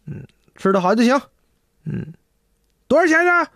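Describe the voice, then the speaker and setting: A man doing a smug turtle demon, high. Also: big pitch swings, normal speed, gravelly, fairly bright tone, no room sound, studio quality, exaggerated voice. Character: big male turtle demon, gruff and smug.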